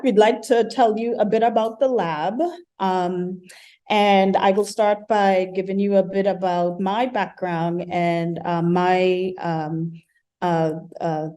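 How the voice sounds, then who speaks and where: An architecture professor from Trinidad and Tobago opens an online colloquium with a measured welcome talk, speaking into a computer mic with frequent ums and uhs. Her voice is lowish and warm.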